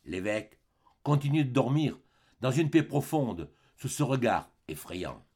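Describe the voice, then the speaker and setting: A man reading a classic novel aloud as an audiobook, with measured, expressive storytelling. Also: mid-range voice, breathy edge. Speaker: audiobook reader. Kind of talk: literary audiobook narration.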